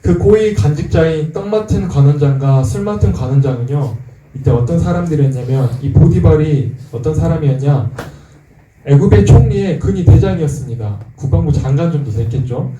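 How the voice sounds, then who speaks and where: A man's voice: a little high, animated, a little fast, noisy background. A man preaching a sermon as pastor, talking with the congregation and asking them questions. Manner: conversational, asks the congregation questions. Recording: echoey room from far off.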